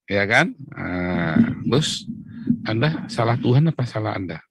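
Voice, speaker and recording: A man preaching a conversational devotional sermon, often asking his listeners questions, clearing his throat and chuckling. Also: on the low side, very animated, unhurried, a bit bright, no room sound.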